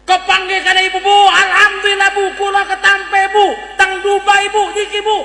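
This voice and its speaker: A preacher voicing a humble devoted son. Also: male voice, very high voice, little pitch movement, fairly quick, heavily acted. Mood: overjoyed. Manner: polite pleading, soft-spoken. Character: poor devoted young son, humble and polite. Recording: echoey hall.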